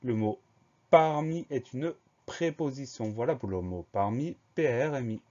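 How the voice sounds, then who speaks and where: A man teaching a French spelling lesson, slowly spelling each word letter by letter and explaining the grammar. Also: mid-range voice, animated, dark tone, dull audio. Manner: slow, methodical, spells words letter by letter.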